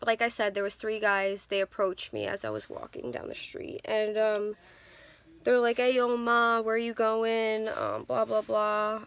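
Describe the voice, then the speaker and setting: A woman's voice: fairly high pitch, fairly bright tone. Candid young woman telling stories. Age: 20s. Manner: candid, rambling with many ums and restarts. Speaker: vlogger. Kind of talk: casual storytelling to camera. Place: in a car. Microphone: phone camera.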